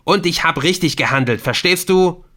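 A man's voice: on the high side, animated, normal speed, pushed and bright, voice pushed up. A man voicing a panicky, scheming middle-aged businessman who shrieks when cornered. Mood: defiant.

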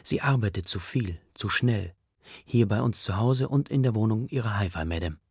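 A man reading a story aloud in the first person, in a quiet, subdued way. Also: lowish voice, moderate pace, no echo, studio quality. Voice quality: gravelly, husky. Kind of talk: audiobook narration.

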